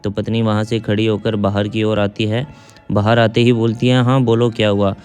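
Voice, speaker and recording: A man narrating a short family moral story in a plain, steady manner. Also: on the low side, moderate pace, clean tone, soft background music.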